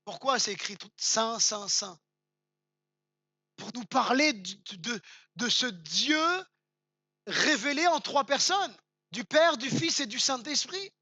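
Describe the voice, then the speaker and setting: French male pastor, bright tense voice, emphatic sermon with casual asides. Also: very high voice, no echo. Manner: emphatic, repeats words for stress, rises to near-shouts; conversational asides, addresses the congregation directly.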